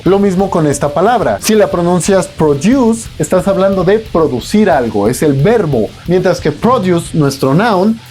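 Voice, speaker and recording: Joking Mexican Spanish-speaking teacher. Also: male voice, high voice, dark tone. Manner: casual, joking, colloquial teaching tone. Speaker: English teacher. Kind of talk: explanatory lesson with slang.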